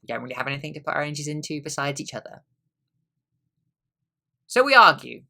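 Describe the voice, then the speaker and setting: Brooding middle-aged husband played by a young man; bright tone, wry, drifts into quiet asides. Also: on the high side, big pitch swings, fast, gravelly, exaggerated voice. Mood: weary. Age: young adult. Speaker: student actor. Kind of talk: stage monologue.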